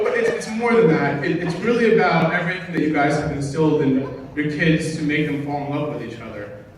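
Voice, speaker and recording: Man, best man speech, joking and self-correcting, distant from the mic, noisy reverberant venue. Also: fairly high pitch. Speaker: best man giving a toast. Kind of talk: informal humorous wedding speech. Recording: distant, very echoey, noisy room recording.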